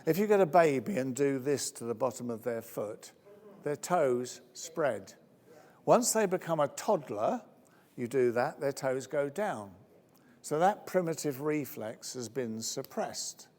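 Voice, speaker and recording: In a conference hall, a man presents a workshop and fields audience questions in a chatty, jokey way, jumping to high squeaky voices when he acts out other people. His voice is expressive, darkish, and a little slow, with the long reverb of a large hall.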